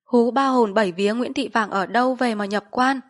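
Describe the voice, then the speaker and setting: A woman's voice: fairly high pitch, a little fast, close to an everyday voice. A woman voicing a grieving young man who calls out to his dead mother's soul in a trembling voice. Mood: mournful. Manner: trembling ritual calling out.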